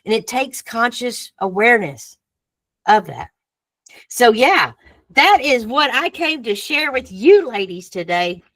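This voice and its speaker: Animated woman storyteller. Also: on the high side, a little slow, no echo. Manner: animated storytelling, playful, with laughs. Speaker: summit speaker. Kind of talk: spiritual coaching talk.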